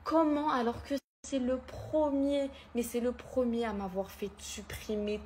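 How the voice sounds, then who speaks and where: A woman's voice: a little high, fairly even intonation, measured pace, darkish tone, slight background noise. A young woman telling her viewers an emotional story, hurt and angry as she talks. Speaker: content creator.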